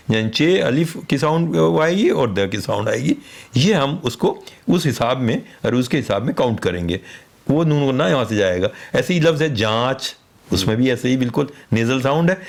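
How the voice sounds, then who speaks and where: A man's voice: medium pitch, vocal fry. A man, a guest expert on poetry, patiently teaching pronunciation on a radio programme and spelling out letters. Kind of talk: explanatory radio talk.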